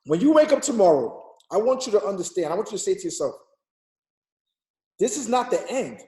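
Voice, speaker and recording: A man's voice: high voice, very animated, fairly quick, warm tone, echoey room. A man in his thirties giving an emphatic, repetitive motivational talk on a group call, urging listeners like a preacher. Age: 30s. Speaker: motivational speaker.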